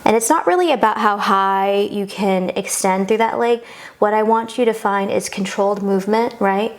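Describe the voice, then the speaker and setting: A woman's voice: medium pitch, moderate pace. Encouraging woman leading a yoga class. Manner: encouraging, reassuring, informal. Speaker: yoga instructor. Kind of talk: guided yoga class instruction.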